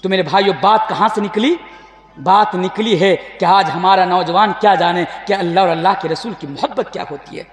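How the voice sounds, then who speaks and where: A man's voice: high-pitched, a little fast, faint music behind. A young male preacher giving an impassioned late-night sermon, calling out to the young men in the crowd. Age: young adult. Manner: impassioned, chanting calls to the youth. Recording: echoey PA sound with long reverb.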